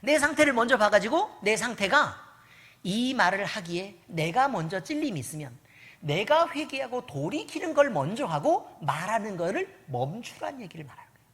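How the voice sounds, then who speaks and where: A woman's voice: mid-range voice, very animated, normal speed, a bit bright. A woman pastor preaching at a church service in a teasing, conversational way, constantly quizzing the congregation with questions. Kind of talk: sermon.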